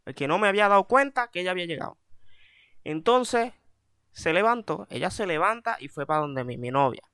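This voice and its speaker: A man telling a funny story in an animated, self-mocking way, repeating his punchlines. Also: sits high, a little fast, clear, resonant tone, no room sound, studio quality. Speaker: comedic storyteller. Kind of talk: comic storytelling monologue.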